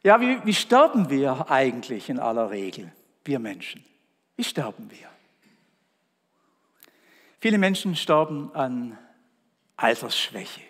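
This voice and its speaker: A man preaching a Good Friday sermon and reading scripture in a solemn, slow, deliberate way with weighty pauses. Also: mid-range voice, sing-song, a bit bright. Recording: long church reverb.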